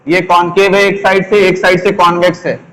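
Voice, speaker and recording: A man teaches a class in a high, steady voice that stays on an even pitch. He goes slowly, repeating each key term and putting questions to his students. His voice rings with a long reverb, as in a hall. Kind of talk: classroom lesson, explaining while writing on a board.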